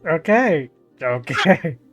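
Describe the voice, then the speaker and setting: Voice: mid-range voice, very animated, faint music behind. A tabletop game player chatting and joking, laughing often. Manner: laughing, quick joking asides. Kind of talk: casual tabletop game chat.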